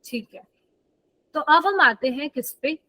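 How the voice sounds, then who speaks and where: High-voiced woman teaching a chatty class. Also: expressive, slow, sharp tone, low-quality recording. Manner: chatty, checks in with students often. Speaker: biology teacher. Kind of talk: live online class lecture.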